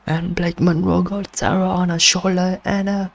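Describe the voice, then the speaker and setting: A man doing play-by-play commentary on a wrestling video game, excitable and exclaiming at surprises, his voice strained and going hoarse. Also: sits high, moderate pace. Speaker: gaming channel host doing commentary.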